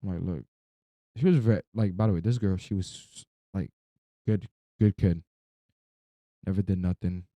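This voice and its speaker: A young man with a deep, very dark and relaxed voice rambles in a sleep-deprived, drowsy way. He tells a personal story in casual slang with loose swearing. The sound is dry and close, with hardly any room to it. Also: a little slow, long pauses, no echo, dull audio.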